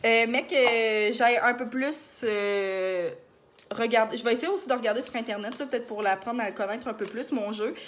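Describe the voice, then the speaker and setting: A young woman with a Beauce Quebec accent chatting to camera in a fast, excited way, full of fillers. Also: a little high, slight background noise. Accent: Beauce Quebec French. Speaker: vlogger. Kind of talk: casual chat to camera.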